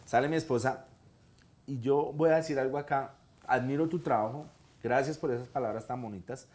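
A Colombian man in his thirties tells a personal story as a talk-show guest. He is animated and earnest, and he switches voices to act out the people he quotes. His voice sits at a middling pitch. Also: a little fast. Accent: Colombian Spanish.

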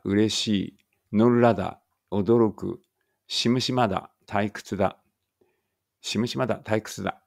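Slow gravelly man reading word lists. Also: fairly low pitch. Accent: Ibaraki Japanese. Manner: reads each word then its meaning, with small slips and asides. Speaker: language learner reading vocabulary aloud. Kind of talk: slow read-aloud vocabulary practice.

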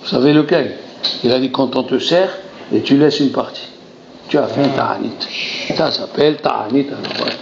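A man giving a Torah lesson, animated and theatrical, acting out dialogues and crying out in exclamations. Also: medium pitch, normal speed, gravelly, noisy background. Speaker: rabbi teaching a Torah class. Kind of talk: lively French Torah lesson. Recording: roomy lo-fi recording with faint ambience.

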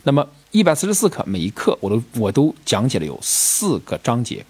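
A man's voice: medium pitch, wildly swooping pitch, a little fast, slightly rough. A man teaching English vocabulary in a recorded video lesson, explaining patiently and checking in with his students through rhetorical questions.

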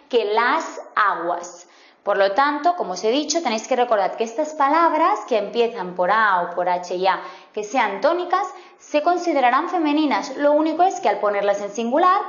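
Woman from teaching grammar, slows way down on examples, echoey room, kinda dull lo-fi audio. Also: on the high side. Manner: patient, spells out example words slowly. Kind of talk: explanatory grammar lesson. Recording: roomy, slightly dull sound.

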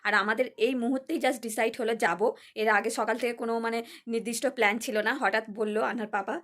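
Woman, fairly high voice, sing-song mom vlogger talking to her little one at home. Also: fairly even intonation, brisk, fairly bright tone. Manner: coaxing sing-song chatter with a toddler, then chatty asides to viewers. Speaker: family vlogger and mother. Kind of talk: casual family vlog.

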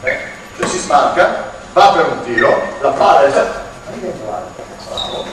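A man running an on-court basketball clinic in a large indoor gym, explaining at length and shouting to urge the players on. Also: medium pitch, animated, normal speed. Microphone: far camera in the stands. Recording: echoey gym from far off, faint noise.

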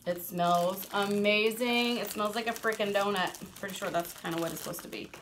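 A woman and mother vlogging a casual product review, chatty and excitable, laughing often. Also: medium pitch, brisk, a little hiss or hum.

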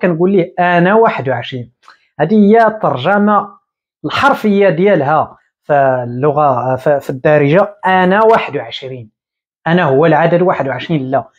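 A man in his thirties with a Moroccan Arabic accent, teaching English at a whiteboard and repeating each word slowly. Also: sits high. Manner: explains slowly, repeating words and drawing them out. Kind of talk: whiteboard lesson. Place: small room indoors at a whiteboard.

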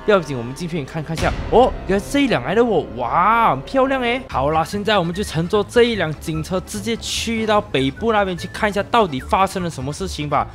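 Excitable high-voiced young man. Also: fast talker, few pauses, faint music behind. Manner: excitable, lots of exclamations. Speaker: gaming youtuber. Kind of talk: game roleplay narration.

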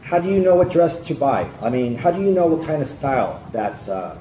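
A middle-aged man giving a casual English lesson in a tea shop, speaking slowly and simply and echoing his learner's words back to her. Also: on the high side, very animated, mellow. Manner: slow, simple phrasing, prompting and repeating a learner's words. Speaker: English teacher. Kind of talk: casual conversational English lesson with call-and-response drills. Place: indoor tea shop room. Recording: echoey room with background noise.

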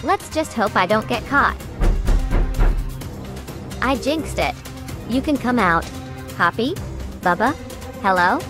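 A woman's voice: a little high, lively intonation, takes it slowly, long pauses, over music. A woman voicing a greedy, food-loving pig toy in a cartoon. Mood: nervous. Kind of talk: expressive cartoon acting.

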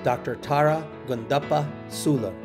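A man formally reading out graduates' names one by one at a ceremony, in a measured, announcing manner. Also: fairly high pitch. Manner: measured, announces each name. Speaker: ceremony name reader. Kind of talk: formal roll call of graduates. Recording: music playing underneath.

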